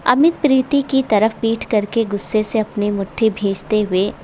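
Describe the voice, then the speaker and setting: A woman narrating an emotional family story in a steady, emotive reading style. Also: mid-range voice, normal speed, slight background noise.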